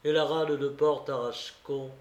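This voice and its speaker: A man reading a classic novel aloud, slow and deliberate, with an occasional hesitation. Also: mid-range voice, fairly even intonation, darkish tone. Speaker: reader. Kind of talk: audiobook narration of a classic novel. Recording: roomy echo.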